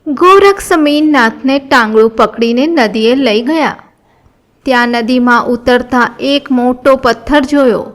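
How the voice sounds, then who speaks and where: Slow high-voiced woman narrator. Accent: Gujarati. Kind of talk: scripted scripture narration.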